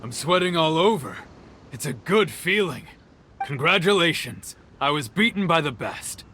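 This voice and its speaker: A man voicing a humble, earnest, stoic fighter in a video game, speaking in terse, measured phrases. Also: on the high side, lively intonation, bright, forceful tone, slight background noise. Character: stoic, humble young male wandering fighter devoted to strength.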